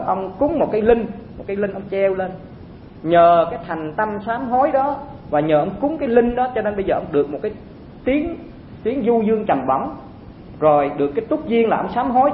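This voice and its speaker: High-voiced man giving a dharma talk. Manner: conversational, asks listeners rhetorical questions. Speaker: Buddhist teacher addressing monks. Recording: echoey, phone-like sound with faint rumble.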